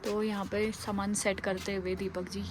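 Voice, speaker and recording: A woman's voice: medium pitch, level tone, normal speed, a little hiss or hum, rough recording. A woman vlogging casually outdoors in a hill town, chatting to viewers and showing things around her. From Uttarakhand, India. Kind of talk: casual vlog chat.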